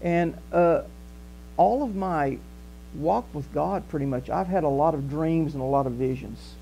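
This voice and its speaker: A faint mains hum sits under this older Southern US pastor, whose fairly high, creaky voice moves a little slowly. He preaches in a conversational way in a small church hall, pacing the stage with lively gestures.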